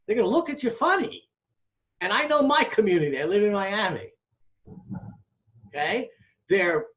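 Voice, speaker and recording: An American demographer, interviewed as an academic, explains things conversationally in a voice on the high side with a fairly bright tone. He is emphatic and didactic, often checking in and asking rhetorical questions. The audio is dull and lo-fi.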